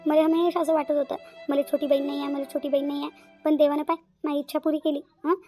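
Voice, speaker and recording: A woman's voice: high-pitched, level tone, fast, mellow, faint music behind, close to an everyday voice. A woman voicing an affectionate elder sister-in-law in a cartoon, with a fond, coaxing manner. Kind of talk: cartoon voice acting.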